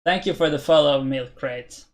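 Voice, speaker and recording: His voice sits on the high side and moves at a moderate pace. He's a Norwegian man in his twenties with a Norwegian accent, casually commentating a chess live stream and hesitantly thinking aloud as he reads chat and replies to viewers.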